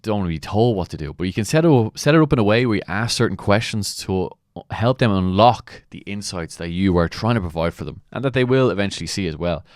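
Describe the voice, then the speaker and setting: A man with a very deep voice coaches in motivational commentary, recorded close and dry. He makes his points emphatically and poses rhetorical questions. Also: dry recording. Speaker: mentor and coach. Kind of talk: motivational commentary on a client testimonial.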